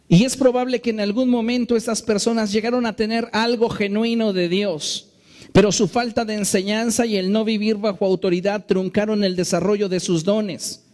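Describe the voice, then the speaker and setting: A man preaching a sermon as a pastor in his church, slowing down and stressing key phrases in an earnest way. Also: sits high, a little mellow. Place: church sanctuary.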